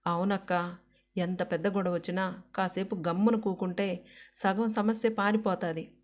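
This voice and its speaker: A kind village woman calms others down in gentle, rustic speech, as a woman narrator puts her on. She sounds like a storybook reading in a mid-range voice. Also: mid-range voice, normal speed, natural voice. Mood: soothing.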